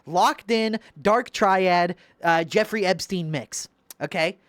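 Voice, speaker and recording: A man's voice: high-pitched, slow pace, fairly bright tone, no echo. A young man giving casual, sarcastic commentary while reviewing gameplay, exasperated and swearing.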